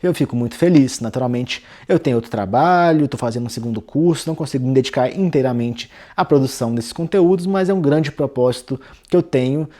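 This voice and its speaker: Mellow-voiced Brazilian man teaching literature. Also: mid-range voice, fast talker, hardly any pauses. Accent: Brazilian Portuguese. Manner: conversational, peppers sentences with "né" and "tá". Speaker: literature channel host. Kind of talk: casual book-reading lesson.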